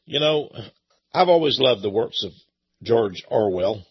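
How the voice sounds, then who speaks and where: A man's voice: medium pitch, expressive, a little slow, breathy edge. An older man hosting a talk show in a chatty, rambling monologue, laughing at his own remarks. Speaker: radio show host. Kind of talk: casual monologue. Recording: dull lo-fi sound.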